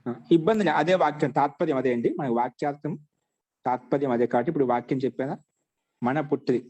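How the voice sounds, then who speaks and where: A man teaching Sanskrit grammar in an online class, repeating each phrase slowly so students can write it down. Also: mid-range voice, darkish tone, lo-fi sound.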